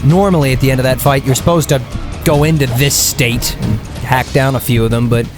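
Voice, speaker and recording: A man's voice: medium pitch, fairly even intonation, a little fast. A man giving casual, critical video game commentary in a blunt, exasperated, sweary way. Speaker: video game let's player. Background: video game music.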